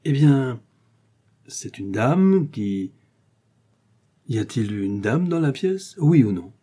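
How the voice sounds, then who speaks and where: A man's voice: mid-range voice, sing-song, slow, mellow, voice pushed up. A man voicing a flustered young son-in-law who stammers through evasive excuses.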